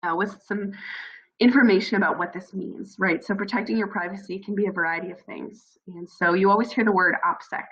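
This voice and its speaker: This is a muffled recording of a woman talking informally to new military spouses, offering earnest encouragement sprinkled with fillers. A cold has left her voice scratchy, froggy and hoarse, though it stays medium in pitch, steady, a little fast and fairly bright, with some breathiness.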